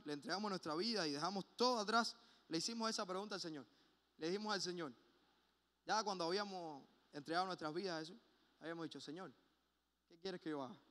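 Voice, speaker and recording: A man preaching a sermon in a church, passionate and emphatic, at times dropping to a quiet personal tone. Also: high voice. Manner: impassioned, swings between loud emphasis and hushed personal asides. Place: church sanctuary. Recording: long hall reverb.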